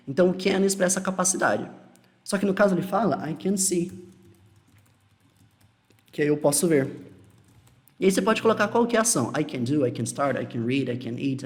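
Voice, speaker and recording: A Brazilian man giving a casual English lesson, explaining phrases patiently and repeating them. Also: medium pitch. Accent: Brazilian Portuguese. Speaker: English teacher.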